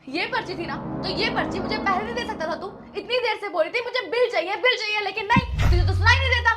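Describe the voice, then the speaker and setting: A woman's voice: steady tone, unhurried, over music. A woman acting a short-tempered housewife in a short drama who scolds sharply and later turns tearful with remorse. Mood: scolding. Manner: scolding, shrill, then tearful.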